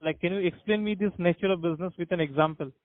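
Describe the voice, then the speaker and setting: A man's voice: high voice, quick pace, no room sound. Indian-accented man on a tinny phone line. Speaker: telemarketer selling website services. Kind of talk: business phone call. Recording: dry, tinny narrow-band phone line.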